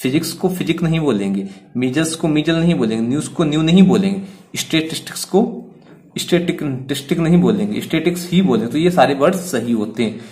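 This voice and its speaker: A man's voice: medium pitch, animated, fairly quick, darkish tone. Hindi-speaking male teacher explaining grammar. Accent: Indian English words in Hindi speech. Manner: repetitive, asks and answers own questions.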